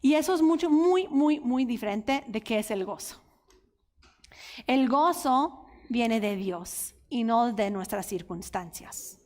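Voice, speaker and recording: An earnest, openly emotional woman teaches the Bible at a women's conference. Her high voice moves at an unhurried pace. The sound rings with the long reverb of a large hall. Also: lively intonation, a little mellow. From United States. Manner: earnest, emotional, speaks directly to listeners. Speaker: women's workshop speaker.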